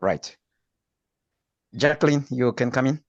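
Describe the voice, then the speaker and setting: A man's voice: mid-range voice, takes it slowly, no room sound. A man co-hosting an online meeting, politely calling on attendees one by one with brief prompts. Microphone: video call. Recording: dull dry online call audio.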